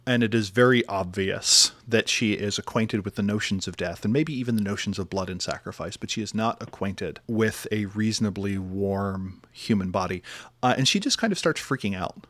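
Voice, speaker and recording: A man's voice: on the low side, normal speed, fairly bright tone, no echo. A man narrating a tabletop game as game master in a descriptive, thoughtful way. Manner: descriptive, thoughtful, with frequent fillers.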